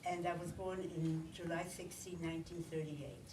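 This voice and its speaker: A woman, slowly recounting her memories in an interview, often pausing and restarting as she searches for words. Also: fairly low pitch, little pitch movement. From Poland. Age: 80s. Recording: roomy, distant mic, noisy room.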